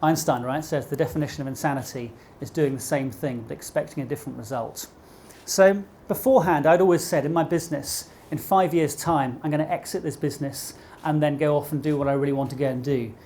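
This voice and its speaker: In a brisk, warm, fairly high voice, a middle-aged man with a posh British accent delivers a motivational business keynote live to an audience. He engages them with rhetorical questions, and slight background noise is present.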